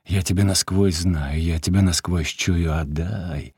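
A man reading a story aloud, voicing a drunk peasant man who wails, weeps and threatens in a slow, drawn-out way. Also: sits low, steady tone, breathy edge, no room sound, studio quality, heavily acted. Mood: hoarse menacing. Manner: wailing, shouting, drawn-out. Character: drunk, grief-crazed peasant man, weeping and menacing.

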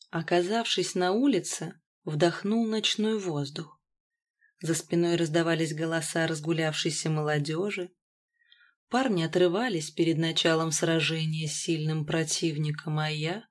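Woman narrating a fantasy audiobook. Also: sits low. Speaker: audiobook reader.

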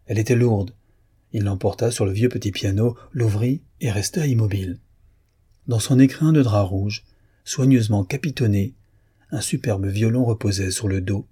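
A man narrating a novel in a measured, literary reading. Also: on the low side, warm tone, husky.

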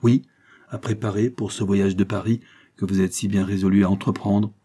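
A man's voice: lowish voice, flat delivery, normal speed, warm tone, husky. A man reading the part of a bitter, impassioned young lawyer husband in an audiobook, pleading and reproachful. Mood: cool. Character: brooding young male lawyer, wounded husband.

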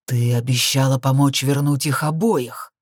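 A grim, stubborn seraph man, as a woman reader plays him, blunt and grudging. His lines come slow and low, with a dry, close sound. It is an audiobook read. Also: steady tone, a little mellow, dry recording. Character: stubborn male seraph, grim, insistent husband.

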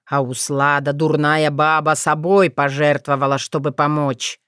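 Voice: medium pitch, level tone, a little slow, fairly bright tone, clear, resonant tone, dry recording, clean studio sound, lightly acted. A reader voicing a spiteful, half-mad old male forest spirit who snarls and gloats. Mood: gloating.

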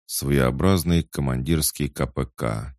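A man playing a stern adult commander who speaks in a measured, authoritative way. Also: a bass voice, darkish tone, no room sound, clean studio sound, heavily acted. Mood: briefing.

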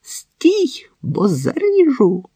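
A high, shrill voice of a cornered, desperate woman clutching a knife, as a male audiobook reader puts her on. She cries out in hysterical bursts, loud and strained. The tone is a little husky, recorded close and dry. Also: expressive, a little slow, no echo. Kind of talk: audiobook narration.

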